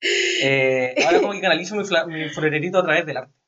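A man's voice: on the high side, fast talker, sharp tone, highs cut off. A man with a Chilean accent, co-hosting a podcast in casual chat, joking and swearing casually. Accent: Chilean Spanish.

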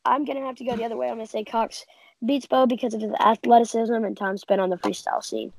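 A woman's voice: a little high, steady tone, fast, creaky, darkish tone, rough recording. A woman co-hosting a casual sports chat, giving confident, opinionated picks. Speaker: podcast co-host.

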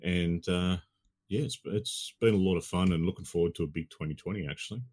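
A man's voice: low-pitched, brisk, darkish tone, husky. A middle-aged Australian man chatting casually as a podcast guest in a laid-back, blokey, matey way. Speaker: podcast guest and gaming podcast host. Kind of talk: casual chat.

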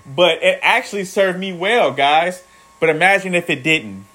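A man's voice: high voice, expressive, normal speed, pushed and bright. Profane rambling man vlogging. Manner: profane, rambling, keeps saying "guys". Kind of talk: casual motivational monologue.

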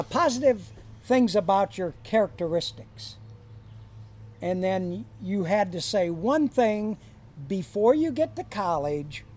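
An older man telling stories from his years as a high school counselor in a casual podcast chat, chuckling and acting out the quoted lines. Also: darkish tone. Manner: chuckling anecdotal storyteller, acts out quoted lines.

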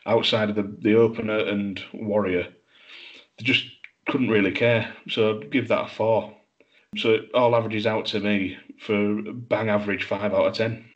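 A man's voice: lowish voice, flat delivery, normal speed. A man co-hosting a podcast, chatting casually in a sweary, self-deprecating way. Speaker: podcast co-host. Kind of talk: casual chat. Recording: dull lo-fi microphone.

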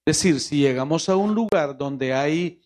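Honduran pastor preaching in a raised voice. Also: male voice, a little high, normal speed, a little mellow. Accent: Honduran Spanish. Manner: pleading, repeating "Señor" in prayer; preaching with rhetorical questions to the congregation. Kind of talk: sermon with prayer.

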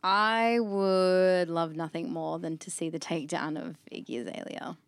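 An Australian woman co-hosting a loose pop-culture chat, her voice sitting on the low side. She talks in quick, rambling bursts full of ums and self-corrections. The sound is dry and close. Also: fairly even intonation, clean tone, no room sound. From northern New South Wales, Australia. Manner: chatty, self-mocking, many ums and restarts. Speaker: podcast co-host. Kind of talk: casual chat.

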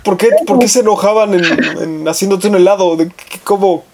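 A man's voice: high voice, crowd noise. A young man with a Mexican accent, chatting casually with slang and frequent swearing. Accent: Mexican Spanish. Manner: slangy, swears freely, rapid bursts. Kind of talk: casual chat.

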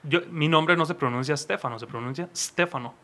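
A man's voice: fairly high pitch, a little fast, crowd noise. A man with a Costa Rican accent co-hosting a comedy chat, ranting bluntly and swearing freely.

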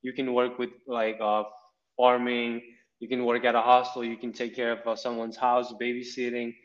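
A twenty-one-year-old Nepali man is a podcast guest in a casual interview chat, easygoing and meandering, circling back on his own points. His ordinary male-pitched voice is monotone at a moderate pace, arriving over a muffled, lo-fi remote line.

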